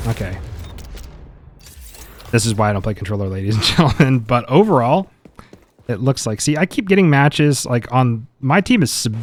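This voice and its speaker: A man's voice: medium pitch, a little mellow. A man giving casual, opinionated gameplay benchmark commentary, chatty and mildly exasperated. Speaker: gaming content creator.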